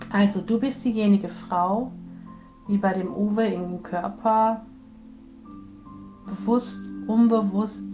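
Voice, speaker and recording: A woman working as a spiritual medium, gently guiding a healing session and speaking softly to a soul. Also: mid-range voice, low-quality recording. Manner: soft, soothing, gently addressing a soul.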